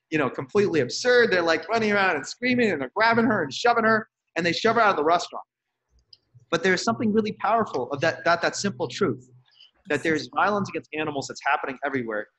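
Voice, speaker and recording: A fast, animated man tells stories from his activism, his pitch sitting a little high. His voice is husky, and he laughs and restarts often. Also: poor audio. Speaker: activist speaking on a donor call. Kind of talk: casual storytelling.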